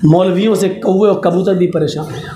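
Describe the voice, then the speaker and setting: Male preacher, humorous storyteller, high voice, animated; echoey loudspeaker sound. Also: a little fast, slight background noise. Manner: animated, jokey storytelling that builds to shouting. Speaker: Islamic preacher. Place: large outdoor gathering. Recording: echoey loudspeaker in a big space.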